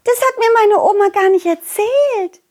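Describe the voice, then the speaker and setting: A woman voicing an excitable little butterfly girl with a squeaky, giggly way of talking in a children's audio story. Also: measured pace. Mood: excited.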